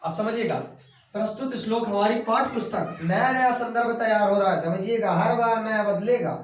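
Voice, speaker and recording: A male teacher explaining Sanskrit verses at a board, slowly repeating words as he writes and chanting the verses. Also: high-pitched, distant mic, slight background noise. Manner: chants verses in a sung recitation. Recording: echoey room, voice off-mic.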